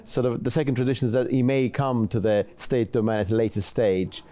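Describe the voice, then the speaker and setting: A man interviewing a guest, asking long questions in a measured, formal way. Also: mid-range voice, little pitch movement, warm tone.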